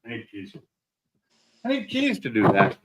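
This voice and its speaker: A man hosting a casual video-call chat from his home garage, plain-spoken and quick to grumble about his connection. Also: medium pitch, huge pitch swings, highs cut off, heavy background noise. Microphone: laptop on a video call.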